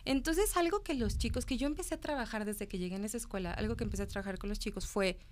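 A middle-aged woman chatting casually on a talk show, a psychologist by trade. Her voice sits a little high, and she tells her stories animatedly, slipping into the voices of the people she describes. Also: quick pace, a little hiss or hum. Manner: animated storyteller acting out dialogue.

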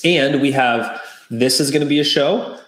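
With a medium-pitched, fairly bright voice and a moderate pace, a man co-hosting a podcast keeps the conversation casual while eagerly promoting the channel. His manner is upbeat, and the sound carries a roomy echo.

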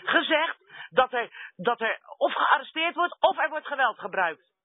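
A woman's voice: sits high, very animated, a little slow. A woman arguing insistently and confrontationally as an activist caller making a heated complaint over a landline phone. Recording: roomy, tinny telephone line.

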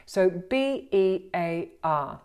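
A woman with an Australian accent, teaching voice and speaking skills in an animated, encouraging way and acting out the exercises she describes. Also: fairly low pitch, drawn-out words, clean tone. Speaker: voice and communication coach. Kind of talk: instructional talk on speaking skills.

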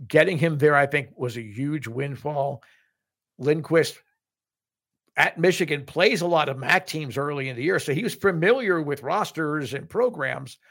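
A man's voice: a little high, normal speed, creaky, a bit bright. A middle-aged man co-hosting a college sports podcast, talking casually and with enthusiasm, often restarting his sentences. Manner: enthusiastic, repeats words and restarts. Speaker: podcast co-host.

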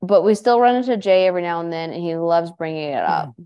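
A woman's voice: fairly low pitch, lively intonation, fast talker, smooth, lo-fi sound. Chatty woman podcast host reading stories. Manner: chatty, reads listener stories aloud with asides. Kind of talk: casual podcast chat.

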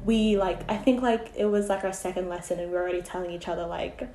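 A woman's voice: fairly low pitch, steady tone, fast, mellow, a little hiss or hum. A young woman hosting a podcast, telling a story in casual chat with many "like" fillers. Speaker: podcast host. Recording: roomy echo.

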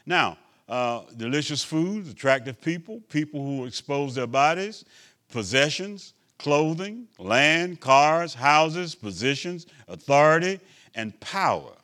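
A man preaching a sermon as a bishop, his voice sitting fairly high for a man. He checks in with the congregation, rises for emphasis, then drops into quiet asides. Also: lively intonation, slow pace. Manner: preaching with call-and-response asides; swings between loud emphasis and quiet asides.

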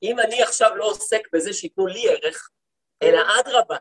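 Guy rabbi teaching a women's class, fairly high voice, storyteller, keeps asking the room stuff. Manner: lively storytelling, acts out quoted speech; talks to the listeners, asks them questions. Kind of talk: lecture to a women's study group.

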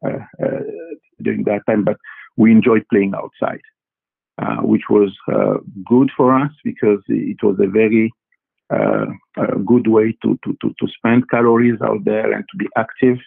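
Halting husky man on a tinny line. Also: on the low side, level tone. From Congo. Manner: halting, many fillers and repeated words. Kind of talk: casual interview answers.

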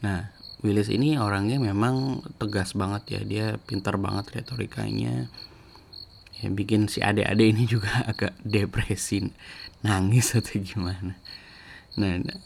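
A man's voice: fairly low pitch, steady tone, normal speed, vocal fry, long pauses, slight background noise. A man casually telling a story from his school days, rambling with restarts. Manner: rambling, with many restarts and fillers.

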